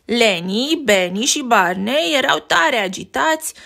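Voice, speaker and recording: A woman reading a picture book aloud to a child, lively and pointing out the pictures as she goes. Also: a little high, creaky. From Romania.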